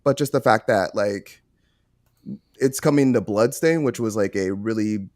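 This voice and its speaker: Chill thirties dude explaining game news, low-ish voice, dry sound. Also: male voice, unhurried, a little mellow, dry recording. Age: 30s. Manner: laid-back, lots of fillers. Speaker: podcast co-host. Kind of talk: casual chat.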